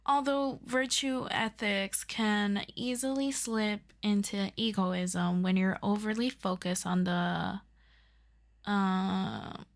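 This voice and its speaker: In an audio roleplay, a woman with a medium-pitched voice plays an earnest, eager superhero best friend. She tutors the listener in a halting, casual way, often poking fun at herself.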